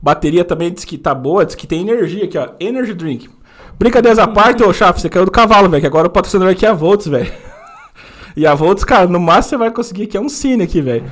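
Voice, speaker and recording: A man's voice: sits high, lively intonation, fairly bright tone. A young man from Brazil hosting a casual live-stream chat, joking and teasing his guest in a small foam-padded studio. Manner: joking, teasing, quick banter. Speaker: host.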